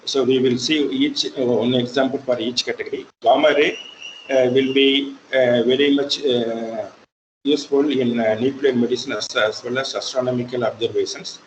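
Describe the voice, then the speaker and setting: A mid-pitched man with an Indian English accent teaches an online class at a steady, careful pace. He stops often on fillers as he works through each point. A faint hum sits behind his voice. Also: normal speed, poor audio. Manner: hesitant, many fillers. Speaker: lecturer. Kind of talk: online lecture.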